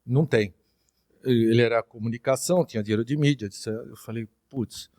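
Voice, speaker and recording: A middle-aged man with a Brazilian accent talks as a podcast guest at a moderate pitch. He tells his story in a lively, anecdotal way and slips into the voices of the people he quotes. The sound is close and dry, with no room echo. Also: brisk. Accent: Brazilian Portuguese. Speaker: interview guest.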